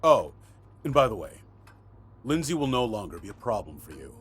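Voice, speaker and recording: A man's voice: lowish voice, very animated, normal speed, fairly bright tone, slight background noise. An actor playing a stern middle-aged director of a girls' home, formal and scolding, in a dramatic video game scene. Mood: cold, firm.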